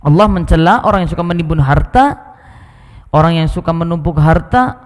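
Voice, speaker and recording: A male Islamic teacher leads an evening study circle in a mosque. He talks in a conversational way, coaxing and gently teasing his listeners, and his voice sits a touch higher than most men's. A long reverb from the prayer hall trails after each phrase. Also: moderate pace. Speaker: Islamic teacher giving a Quran commentary class.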